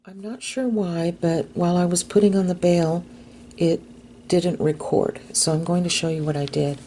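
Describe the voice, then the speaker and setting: A woman hosting a craft tutorial, explaining each step gently and unhurriedly, sometimes dropping to a soft whisper as she works. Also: on the low side, fairly even intonation, moderate pace, slight background noise.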